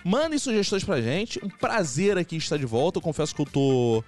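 A man co-hosting a casual podcast, fast with jokes and riffing on ideas. His voice sits high and swoops all over the place. Faint music plays underneath. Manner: jokey, animated, riffing on ideas. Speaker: podcast co-host.

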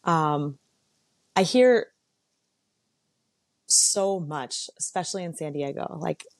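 A woman with a low voice hosts a casual solo talk, candid and conversational with a sarcastic edge. The sound is dry and close, with no room around it. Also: expressive, takes it slowly, dry recording. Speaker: podcast host. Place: lives in San Diego.

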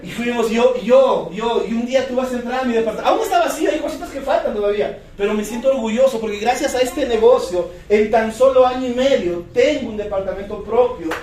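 A man with a Peruvian accent giving an energetic motivational sales talk, firing rhetorical questions and repeating key words. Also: very high voice, quick pace, few pauses. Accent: Peruvian Spanish. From Peru. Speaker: business presenter. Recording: echoey room, distant mic.

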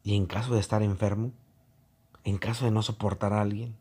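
Low, husky-voiced man musing. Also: flat delivery, brisk, warm tone. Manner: mocking, acts out both sides of online arguments. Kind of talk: reflective monologue.

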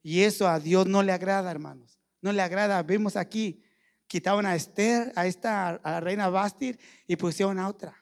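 Earnest high-voiced preacher man. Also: moderate pace, creaky. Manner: repeats "hermano" constantly, folksy and earnest. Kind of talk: sermon. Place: small church.

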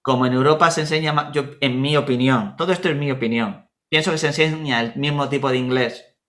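Spanish man telling lively anecdotes. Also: mid-range voice, a little fast. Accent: Spanish from Spain. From Spain, Murcia. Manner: animated anecdotes, acts out dialogue. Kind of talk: casual chat, storytelling.

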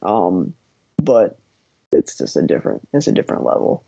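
A man's voice: low-pitched, sing-song, moderate pace, vocal fry, dark tone, slightly rough, no echo. A man in a casual podcast chat, talking in long hesitant runs with dry sarcasm. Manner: rambling, hesitant, dryly sarcastic. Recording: dull lo-fi dry audio.

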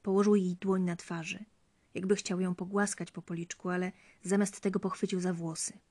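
A woman reading a fairy tale aloud in a hushed, intimate way. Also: fairly low pitch, little pitch movement, moderate pace. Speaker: storyteller.

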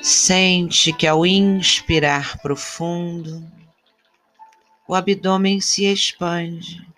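Meditation guide: woman, low pitch, soothing, extremely slow delivery with long pauses between brief instructions. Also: steady tone, a bit bright, faint music behind. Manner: soothing, unhurried short phrases with long pauses. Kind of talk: guided body-scan meditation.

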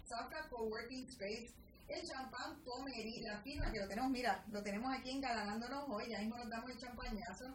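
Energetic woman hosting a podcast. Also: a little high. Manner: energetic, with many fillers and restarts. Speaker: podcast host. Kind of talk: podcast interview. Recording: roomy, distant mic with clear noise.

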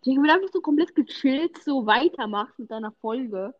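A woman hosting a casual podcast chat, excitable and slangy, prone to loud outbursts and swearing. Her voice sits a little high. The recording is dry and slightly dull, as from a modest home mic. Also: brisk, dry recording. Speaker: podcast host. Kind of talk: casual chat while opening in-game rewards.

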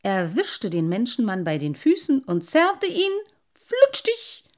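A woman reading a children's story aloud in an expressive, animated way. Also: medium pitch, a little slow.

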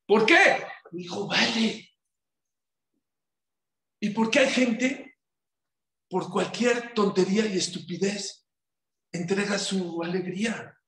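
A man giving a sermon as a rabbi, lively, firing rhetorical questions at his listeners. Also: a little high. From Mexico. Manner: animated, rhetorical questions to the audience. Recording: echoey room.

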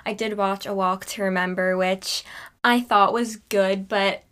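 A woman co-hosting a podcast in casual chat, relaxed and full of "like", recorded inside a small hot closet. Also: medium pitch, a little slow, clean tone. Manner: chatty, relaxed, heavy use of "like". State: overheated. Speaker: podcast co-host.

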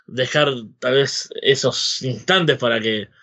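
A man's voice: mid-range voice, slow pace, pushed and bright. A man with a Rioplatense Spanish accent in casual, rambling chat, often tagging his opinions with a question, on a slightly dull microphone. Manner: rambling, seeking agreement with frequent tag questions. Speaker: wrestling podcast host.

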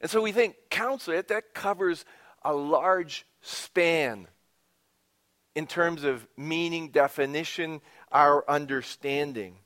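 Man preaching an expressive sermon. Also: a little high, takes it slowly. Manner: expressive preaching, dropping to a whisper and rising for emphasis; conversational asides to the congregation. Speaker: pastor.

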